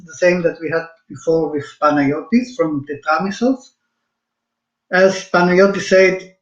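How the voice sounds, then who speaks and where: A man from Switzerland presenting a wine in an online seminar, speaking calmly with frequent fillers over a video call. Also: on the high side. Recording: roomy, dull video call audio.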